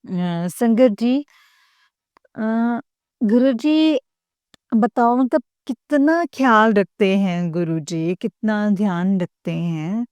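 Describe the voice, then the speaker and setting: Slow, halting middle-aged woman giving a devotional talk. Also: mid-range voice, darkish tone, clean tone, no echo. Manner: slow, halting, with many pauses and fillers; earnest, keeps addressing the listeners. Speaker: devotee sharing experiences with followers.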